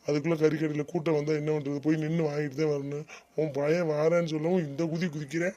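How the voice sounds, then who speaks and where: A man voicing a weary, soft-hearted middle-aged father in a homemade cartoon. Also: on the high side, quick pace, highs cut off, lightly acted. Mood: grumbling. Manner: grumbling, calm. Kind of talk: cartoon voice acting.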